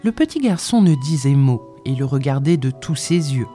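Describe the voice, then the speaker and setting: A woman reading a literary story aloud as narrator, measured and expressive. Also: a bass voice, faint music behind.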